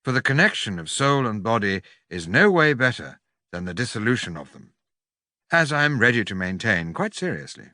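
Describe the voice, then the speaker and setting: A man reading a philosophical audiobook in a formal, measured, oratorical manner. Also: mid-range voice, very animated, pushed and bright, no room sound, clean studio sound. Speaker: audiobook reader.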